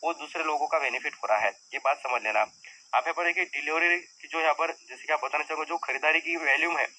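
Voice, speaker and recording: A man's voice: fairly high pitch, fast talker, pushed and bright, rough recording. A man teaching viewers about stock market risk in a conversational, repetitive lesson style. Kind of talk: explanatory screen-share lesson.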